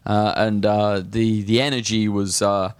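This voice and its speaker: A British man co-hosting a casual show, chatty and quick with questions and mock outrage. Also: fairly low pitch, little pitch movement, clean tone, no room sound. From United Kingdom. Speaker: co-host. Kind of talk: casual radio show banter.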